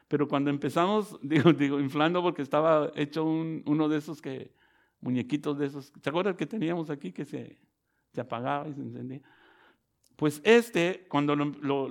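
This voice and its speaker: Male preacher, raspy high voice, swells to loud emphatic preaching. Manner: rising to loud emphatic preaching, addresses listeners as brother. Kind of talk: sermon.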